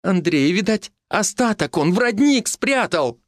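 An excitable young wife, tender and quick to tears, her voice lifted high and bright. A man narrating an audiobook puts her on. The sound is close and dry. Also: dry recording. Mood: excited.

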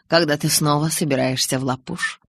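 A woman voicing a calm, tender young man with soft, restrained speech in an audiobook. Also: low voice, a little fast, dry recording. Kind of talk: audiobook character reading.

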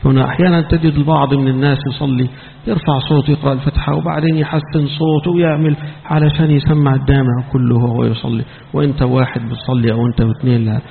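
Fast gravelly Egyptian preacher, tinny hall. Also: male voice, mid-range voice, a little hiss or hum. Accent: Egyptian Arabic. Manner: switches from formal preaching to scolding colloquial asides. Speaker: sheikh giving Quran commentary. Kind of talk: mosque lesson on scripture. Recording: tinny phone-like recording in echoey hall.

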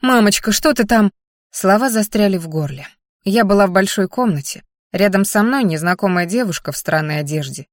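A woman reading a first-person novel aloud as narrator, with a lively, ironic inner voice. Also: mid-range voice, fairly quick, no echo, studio quality. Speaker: audiobook narrator.

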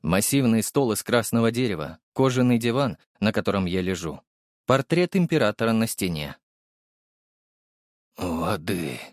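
A man narrating an audiobook in the first person, with expressive delivery. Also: on the low side, moderate pace, no echo, studio quality.

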